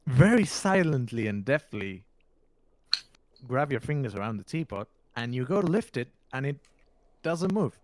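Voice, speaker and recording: A man running a tabletop role-playing game as game master, describing scenes in a halting way with many filler sounds. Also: mid-range voice, sing-song, a little mellow, a little hiss or hum.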